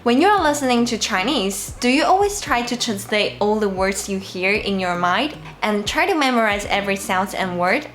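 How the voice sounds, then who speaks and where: A woman hosting her own channel as a Mandarin teacher, explaining listening tips in a clear, deliberate scripted lesson. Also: mid-range voice, expressive, a bit bright, soft background music.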